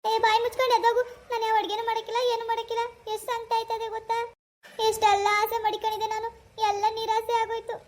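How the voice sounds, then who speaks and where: A woman voicing a self-pitying, sharp-tongued village wife in a cartoon, lamenting and scolding. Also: extremely high pitch, monotone, quick pace. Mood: snapping. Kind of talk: Kannada cartoon voice acting.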